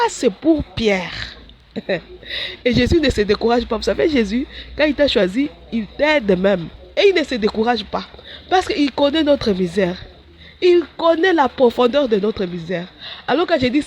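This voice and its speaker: Lively woman preaching a sermon. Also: breathy edge. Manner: animated, jumps high when acting out dialogue with God. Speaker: religious sister preaching.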